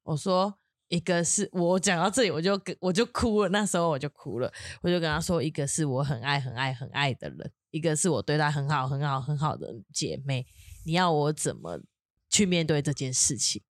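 A young woman, telling a story on a podcast. Her voice sits low, but it leaps high into laughing bursts as she gets worked up. The sound is dry and close. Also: a little fast, no room sound. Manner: animated, swings into high laughing bursts when upset. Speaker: podcast co-host. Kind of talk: casual storytelling chat.

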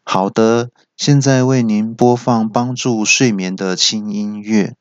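A man's voice: on the low side, fairly even intonation, no echo, lo-fi sound. A man voicing a polite female voice assistant in a smart radio. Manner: slow, polite.

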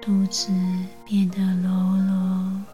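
A woman narrating a guided bedtime relaxation like a sleep story narrator, in a soothing, hushed, breathy near-whisper with long pauses. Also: mid-range voice, monotone, over music. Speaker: host of a bedtime relaxation show.

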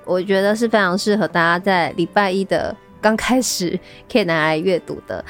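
A woman's voice: lowish voice, normal speed, faint music behind. A woman with a Taiwanese Mandarin accent chatting casually as a co-host of a book show. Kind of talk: casual chat about books.

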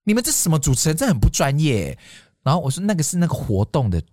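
A man's voice: fairly high pitch, quick pace, no room sound, clean studio sound. A man, co-hosting a casual podcast chat and telling stories about his emcee work, acting out the dialogue. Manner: animated, acts out quoted dialogue. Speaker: podcast co-host and event emcee.

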